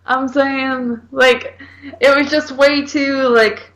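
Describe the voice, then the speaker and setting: A woman with a high, fairly flat and bright voice speaks slowly as she co-hosts a film review podcast. She's blunt, exasperated and argumentative in a casual, slangy way, constantly hedging with "like."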